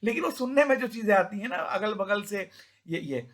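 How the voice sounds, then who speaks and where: A young man giving an informal talk, rambling with many restarts and repeated words, and now and then taking on a rough rustic voice to act out village elders. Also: sits high, expressive, normal speed, a bit bright.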